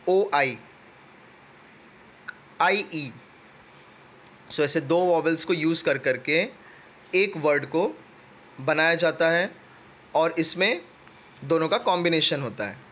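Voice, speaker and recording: A man teaching an exam-prep lecture, explaining step by step and reading definitions out slowly. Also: on the high side, fairly bright tone, a little hiss or hum.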